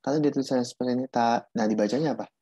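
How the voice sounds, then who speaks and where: A man's voice: medium pitch, rapid-fire, warm tone, breathy edge, dry recording. A man teaching Korean pronunciation in a casual online class, repeating himself and restarting while he explains. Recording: dull muffled audio.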